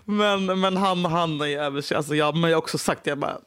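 A young adult woman co-hosting a podcast in casual chat, animated and swearing freely, laughing often. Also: low voice, clean tone, dry recording, clean studio sound. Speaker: podcast co-host.

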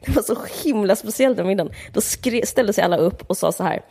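A woman's voice: mid-range voice, gravelly, warm tone, slightly rough. A woman chatting casually about a book, rambling with many fillers and speaking candidly and mockingly. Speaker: podcast co-host discussing a book. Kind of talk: casual chat.

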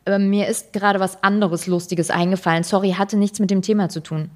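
A woman's voice: mid-range voice, fairly even intonation, a little fast, a little mellow, natural voice. A woman voicing a flustered young woman who answers hesitantly and apologetically.

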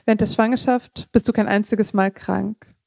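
Mellow-voiced woman reading her prose. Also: mid-range voice, fairly even intonation, gravelly, no echo, clean studio sound. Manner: measured reading with occasional slips and casual asides. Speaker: author reading her own text.

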